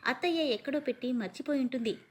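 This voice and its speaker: A woman's voice: high voice, fast talker. A woman voicing a spirited young sister. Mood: protesting. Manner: urgent, defending. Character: loyal young sister-in-law, spirited and protective.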